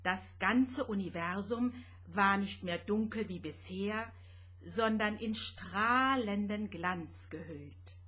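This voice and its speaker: Slow, breathy woman reading a children's story. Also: mid-range voice, fairly bright tone. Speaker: author reading her own story.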